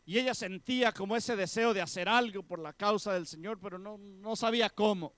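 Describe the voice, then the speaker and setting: Pastor, male, storytelling sermon voice, smooth and a touch high, swings between loud and hushed. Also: brisk, no echo. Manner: animated storyteller, voicing the women in the story with soft, hushed tones.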